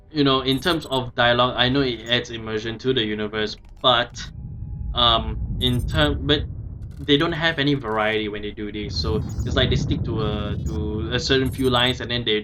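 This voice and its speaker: A man giving casual game commentary, thinking aloud in a hesitant, halting way. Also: mid-range voice, pushed and bright, a little hiss or hum, rough recording. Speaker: let's play commentator.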